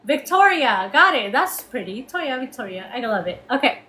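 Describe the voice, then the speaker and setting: A woman's voice: high voice, very animated, moderate pace, sharp tone. A woman speaking with braces in her mouth, coaching a live audience on relationships in an emphatic, explanatory way with repeated points. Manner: talking with braces that cut the inside of the lips; emphatic, explanatory, repeating key points with rhetorical check-ins. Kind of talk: interactive coaching talk to a live online audience. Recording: clear background noise.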